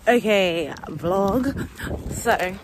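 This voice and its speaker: A woman's voice: medium pitch, lively intonation, very slow, noisy background. A young woman, chatting casually and rambling to camera in a vlog, often correcting herself. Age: young adult. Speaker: vlogger. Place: at home.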